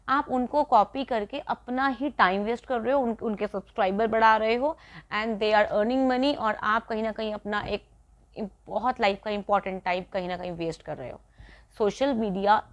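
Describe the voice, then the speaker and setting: A woman teaching spoken English, talking straight to the viewer in a casual, earnest, advising way. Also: fairly high pitch. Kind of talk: casual spoken English lesson, mixing Hindi and English.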